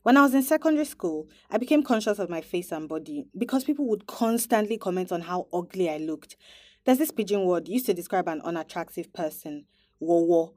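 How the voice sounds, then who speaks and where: A woman hosting a podcast, narrating in a reflective, measured scripted style. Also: on the low side, lively intonation, warm tone, no echo. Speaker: podcast host.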